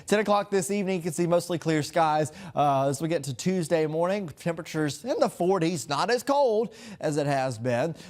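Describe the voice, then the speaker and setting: Male meteorologist, slightly high pitch, lively emphatic forecast. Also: normal speed, few pauses. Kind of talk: weather forecast.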